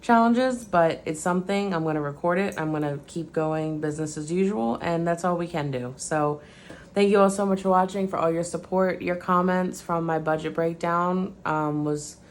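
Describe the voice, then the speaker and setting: Low-voiced chatty woman vlogger. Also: moderate pace, few pauses, a little hiss or hum. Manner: chatty, rambling with many fillers and restarts. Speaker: budgeting vlogger. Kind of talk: casual chat to viewers.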